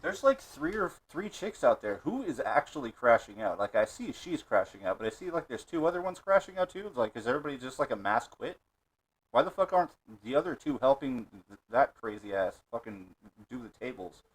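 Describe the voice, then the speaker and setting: A man's voice: medium pitch, very animated, fairly quick, breathy edge, poor audio. A man co-hosting a reaction stream in casual chatter, crude and swearing a lot. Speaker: co-host reacting to a video.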